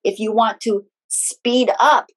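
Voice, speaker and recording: A woman speaking as an interview guest and healing practitioner, explaining things conversationally in halting steps with restarted phrases. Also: a little high, steady tone, fairly bright tone, slightly rough.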